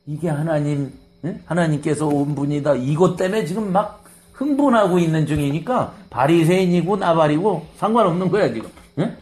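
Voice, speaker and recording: A man's voice: a little high, normal speed. A man preaching a sermon, explaining scripture in a conversational way and acting out quoted lines. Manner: animated, acts out quoted lines, conversational asides. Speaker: pastor.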